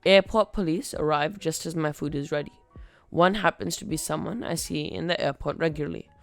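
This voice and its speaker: Gravelly, wry podcast storyteller. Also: medium pitch, fairly quick, fairly bright tone, no echo, faint music behind. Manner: wry, conversational narration. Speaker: podcast host reading online posts. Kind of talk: story reading.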